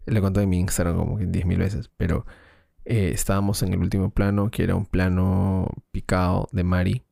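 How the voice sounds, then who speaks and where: Gravelly low man telling stories. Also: flat delivery, brisk, dark tone, dry recording, clean studio sound. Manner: rambling storyteller with slang and restarts. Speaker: podcast co-host, filmmaker. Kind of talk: casual chat.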